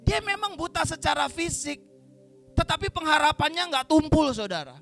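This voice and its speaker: Soft music sits in the background as a pastor with an Indonesian accent preaches energetically in church. Speaking at a normal speed in a very high-pitched voice, he cracks jokes, calls and gets responses from the congregation, and performs the characters in Bible stories.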